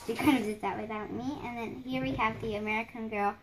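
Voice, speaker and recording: A young girl talks fast in a high-leaning, fairly even voice as she shows off her mom's homemade doll house, rambling with fillers and restarts. The background is noisy; she films close on a phone at home, hands in shot, beside the house.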